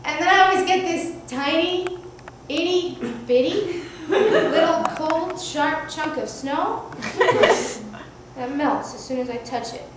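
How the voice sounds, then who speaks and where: A woman's voice: extremely high pitch, lively intonation, measured pace, pauses often, distant mic. A woman performing a one-woman comedy monologue on stage, telling a wide-eyed story with laughter. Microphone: far from the mic. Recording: echoey stage heard from afar, noisy.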